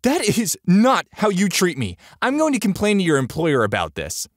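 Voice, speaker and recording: A man voicing a shrill, entitled middle-aged woman passenger who talks in an indignant, accusing way. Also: huge pitch swings, moderate pace, dry recording, clean studio sound, heavily acted.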